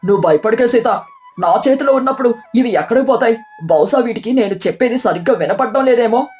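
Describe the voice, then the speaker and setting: Brief: boastful young male son-in-law from town, bossy and vain, as a voice actor plays him; animated storybook, faint music behind. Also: mid-range voice, fast, close to an everyday voice. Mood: cocky. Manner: proud, bragging, bossy.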